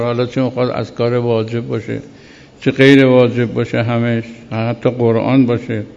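Man lecturing slowly in a reverberant room. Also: mid-range voice, darkish tone, lo-fi sound. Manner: reads Arabic text slowly, then explains by repeating himself. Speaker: teacher of Islamic law. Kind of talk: classroom lecture on a legal text.

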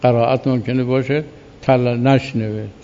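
A man's voice: medium pitch, steady tone, warm tone. A man teaching a seminary jurisprudence class, explaining step by step and checking with students whether they follow. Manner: explanatory, asks "right?" to check understanding. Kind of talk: jurisprudence lecture. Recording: dull echoey recording in a large hall.

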